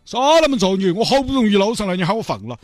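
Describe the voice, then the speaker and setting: A man's voice: sits high, sing-song, racing, a little mellow, dry recording, studio quality, voice pushed up. A man doing a blunt grumpy fish seller. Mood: dismissive. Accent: Sichuanese. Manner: gruff, dismissive, haggling.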